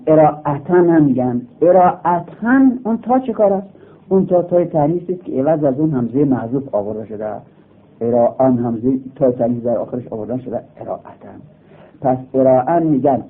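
A man with a somewhat high voice gives a grammar lesson. He talks slowly and patiently and goes over each step more than once. The sound is thin and tinny, like a phone line. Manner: slow, patient, repeating each step of the rule. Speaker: teacher.

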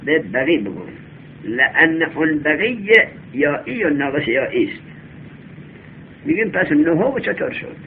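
Male teacher, classroom lesson, reads slowly then explains and quizzes, somewhat high voice, tinny lo-fi sound with faint hum. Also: sing-song, gravelly. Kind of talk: classroom lesson on Arabic grammar.

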